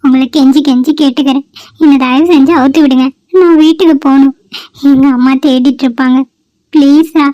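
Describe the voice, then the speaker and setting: A woman's voice: high voice, fairly even intonation, quick pace. A woman voicing a captive young woman who pleads and threatens her kidnappers, in a cartoon. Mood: pleading. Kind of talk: cartoon voice acting.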